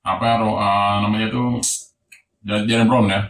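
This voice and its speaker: A man, a podcast guest who talks in a hesitant, halting way with many fillers. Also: lowish voice, little pitch movement, fairly bright tone. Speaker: podcast guest, content creator. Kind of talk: casual podcast chat. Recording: roomy, distant mic, faint hiss.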